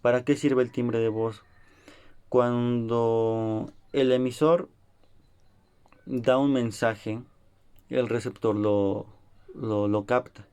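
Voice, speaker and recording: A man's voice: medium pitch, steady tone, slow pace, long pauses, a little mellow, clear, resonant tone. A young man giving a class presentation, explaining points and acting out short examples. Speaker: student presenter.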